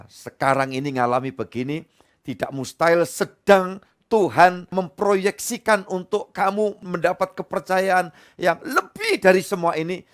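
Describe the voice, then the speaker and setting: A man preaching a Bible study sermon to a church congregation, emphatic and humorous, swinging between soft asides and loud climaxes. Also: fairly high pitch. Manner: humorous, addresses the congregation directly. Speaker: pastor. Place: church service.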